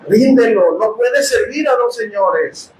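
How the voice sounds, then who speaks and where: A man with a Mexican accent preaching a sermon testimony, impassioned and often bursting into shouts as he addresses his brothers. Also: very high-pitched, expressive, takes it slowly, reverberant, a little hiss or hum, low-quality recording. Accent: Mexican Spanish. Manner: impassioned, bursts into shouting, calls listeners "hermanos". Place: house of prayer.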